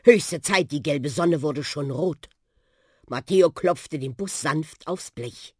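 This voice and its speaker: A narrator reading a children's audiobook with expressive, lively storytelling. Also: mid-range voice, slow, husky, no room sound, clean studio sound.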